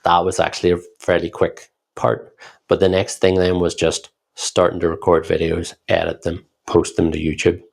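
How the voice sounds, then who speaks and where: A man with a Northern Irish accent, co-hosting a podcast and calmly explaining how he built his business. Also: low-pitched, moderate pace, gravelly. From Northern Ireland. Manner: reflective, explanatory, steady. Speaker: podcast co-host, founder. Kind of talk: casual podcast conversation.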